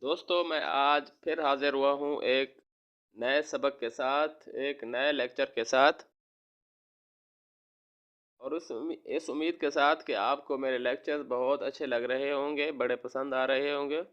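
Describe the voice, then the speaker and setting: A man from Pakistan, a teacher giving a recorded lesson to young children, slowly spelling out words and repeating them. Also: medium pitch, steady tone, fairly bright tone, muffled recording. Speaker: online school teacher.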